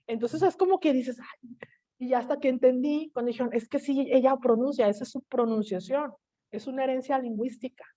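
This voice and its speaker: A Mexican woman teaching an online class, telling a personal story in a lively way and acting out the voices of the people she quotes. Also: on the high side, dull audio.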